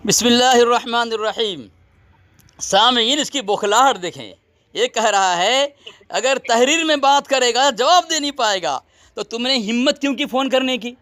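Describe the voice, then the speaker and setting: Man, religious debate, commanding, mocking, bright tense tone, dry. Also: extremely high pitch, moderate pace, no room sound. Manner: commanding, demands silence, mocking. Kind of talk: heated religious debate addressing listeners.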